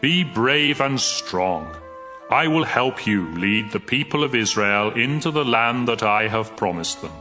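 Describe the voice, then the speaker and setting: An actor playing God as a solemn, wrathful, commanding deity making authoritative pronouncements in a dramatized scripture reading. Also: male voice, mid-range voice, animated, measured pace, sharp tone, faint music behind. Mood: encouraging.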